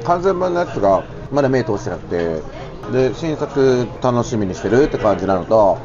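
A man's voice: medium pitch, sing-song, normal speed. A young man chatting casually at a restaurant table over drinks. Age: young adult. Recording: dull sound, busy restaurant chatter.

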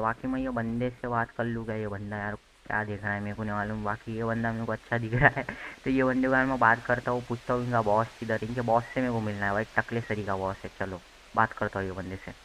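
Brief: young gaming host, chatty and buddy-like, bright tone, flat delivery. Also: male voice, medium pitch, slight background noise, low-quality recording. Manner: chatty, addresses viewers as bhai, shouts when the game goes wrong. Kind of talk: casual Hindi gameplay commentary.

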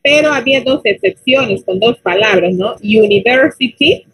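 A woman teaching an online English class in Spanish, modeling English words slowly and checking whether the students follow. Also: on the high side, fairly bright tone, breathy edge, poor audio.

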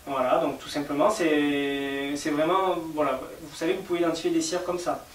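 A French-accented man explains things patiently and step by step, leaning on fillers as he goes. His voice sits a little high, and he sounds distant from the mic in an echoey room with a faint hiss under it. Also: fairly even intonation, brisk. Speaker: cosmetics maker interviewed. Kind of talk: explanatory interview talk.

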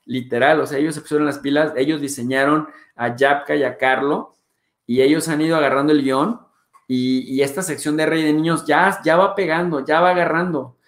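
Mexican man, host, chatty, swears playfully, fairly high voice, echoey room. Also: steady tone, brisk. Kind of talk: animated casual monologue.

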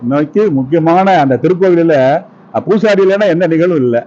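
Man, TV event host, effusive live commentary, very fast, dark mellow tone, dull lo-fi recording. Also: fairly high pitch, expressive, a little hiss or hum. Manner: effusive, rapid introductions. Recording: dull lo-fi sound.

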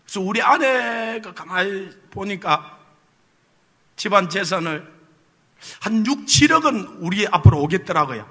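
A male pastor with a high, intensely bright and somewhat husky voice preaches in a large church hall, his words trailing off into a long reverb. He tells his story with humor and keeps asking the congregation rhetorical questions. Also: lively intonation, measured pace, pauses often. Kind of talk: sermon with personal testimony.

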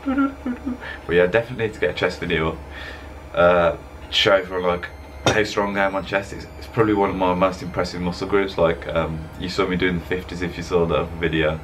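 A young fitness vlogger with a very deep voice chats loosely and laid-back, full of fillers, voicing over gym footage from an indoor room. He is expressive and a little fast. He talks into a desk webcam, with a faint background hiss under his voice.

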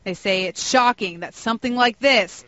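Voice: medium pitch, moderate pace, pushed and bright, no room sound, dull audio. A reporter reading scripted news narration for a television package.

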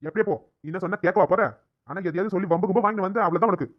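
A woman's voice: lowish voice, very fast, lo-fi sound, voice pushed down, natural voice. A woman voicing a weary, nagging grown son in a cartoon, scolding with exasperation. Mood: exasperated.

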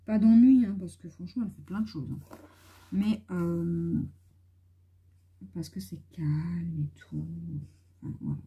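A woman's voice: on the low side, fairly even intonation, measured pace, pauses often, dark tone, slightly rough. A woman with a young son chatting casually and rambling with many fillers while she colors at home. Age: adult with a young son. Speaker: YouTuber coloring on camera. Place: at home indoors.

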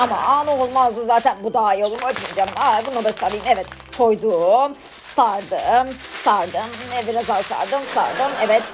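A woman narrating a playful toy story as a vlogger. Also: sits high.

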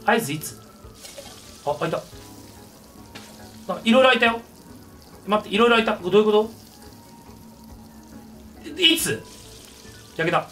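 A man giving excitable gameplay commentary with loud, shouted reactions. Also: high voice, unhurried, long pauses, recorded from a distance, faint music behind. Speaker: gaming YouTuber.

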